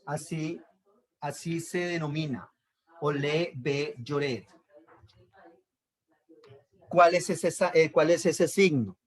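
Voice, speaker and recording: A man's voice: on the high side, slow, long pauses. A man teaching a Bible lesson on Hebrew accent marks, explaining patiently, repeating key terms and checking in with his listeners.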